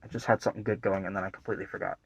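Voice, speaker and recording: A man's voice: on the low side, level tone, rapid-fire, slightly rough, dry recording. A young man talking casually in a rambling video commentary, full of fillers and swearing. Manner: rambling, lots of fillers and profanity. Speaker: video essay host. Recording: faint guitar music behind.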